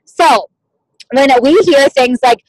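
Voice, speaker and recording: A woman's voice: high voice, slow, darkish tone, no room sound, rough recording. A woman leading a team meeting over a video call, talking in a chatty, casual way full of "like" and "you guys". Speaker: team leader at a sales meeting. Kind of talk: motivational team meeting talk.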